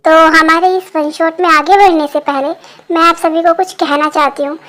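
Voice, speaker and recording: Hoarse woman creator, apologetic aside to viewers; very high, flat voice, faint music. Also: normal speed. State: hoarse, sore throat. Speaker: fan dub creator. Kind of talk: casual address to viewers.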